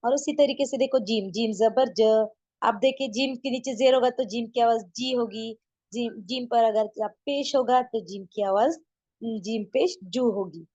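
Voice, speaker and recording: Lady teacher sounding out letters slowly, kinda dull lo-fi mic, no room echo. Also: fairly high pitch, a little mellow. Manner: patient, drawn-out sounding of letters, questions to students. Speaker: Urdu teacher. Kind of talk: online beginner lesson.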